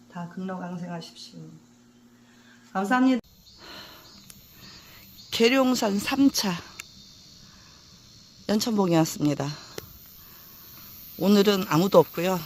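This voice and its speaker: A middle-aged woman, a traditional folk singer and channel host, talking in a solo hiking vlog from outdoors on a mountain peak. She is tired and strained from the climb and cheers loudly at each success. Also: fairly low pitch, measured pace, pauses often, a little hiss or hum.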